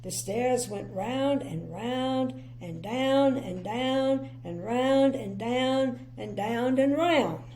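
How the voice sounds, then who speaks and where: An older woman reads a children's storybook aloud to a grandchild at bedtime, her voice fairly high and extremely slow, with hardly any pauses. She reads expressively and keeps breaking in with chatty, gently opinionated asides.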